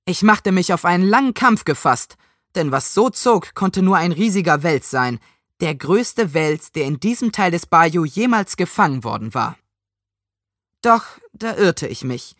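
A woman reading a children's story aloud in animated, lively narration. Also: fairly low pitch, a little slow, no echo, clean studio sound.

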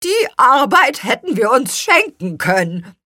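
A woman's voice: on the high side, sing-song, moderate pace, bright, forceful tone, no room sound, clean studio sound, voice pushed up, exaggerated voice. Woman doing a scolding little apple-man. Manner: scolding, suspicious.

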